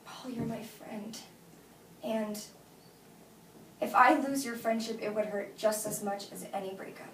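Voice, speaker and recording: At a script table read of naturalistic film drama, an actress plays a blunt, exasperated woman turning down a friend, apologetic yet firm and emphatic. Her fairly high voice stays steady and unhurried with frequent pauses, recorded on a distant mic in a roomy echo with faint noise.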